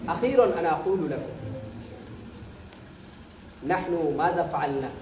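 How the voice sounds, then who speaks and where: A high-voiced man from Bangladesh, a student addressing his class, delivers a motivational speech at a moderate pace with lively intonation and a darkish tone. He rallies listeners through call-and-response questions, while the echoey room, background noise and distant mic color the sound.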